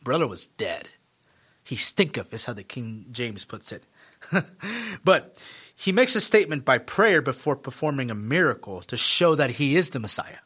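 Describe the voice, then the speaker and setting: A man hosting a podcast, giving Bible teaching in a casual, conversational way with animated asides. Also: mid-range voice, moderate pace, breathy edge.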